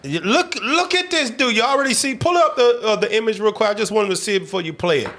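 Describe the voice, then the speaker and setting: A man's voice: sits high, lively intonation, quick pace, sharp tone, slight background noise. A man co-hosting a live online talk show, reacting to videos with mocking commentary and calling for playback. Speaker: show co-host.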